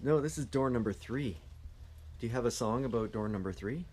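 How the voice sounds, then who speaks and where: A man's voice: medium pitch, a little fast. A man in casual joking banter who laughs often and swears freely. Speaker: vlogger. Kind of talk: casual chat. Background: music playing.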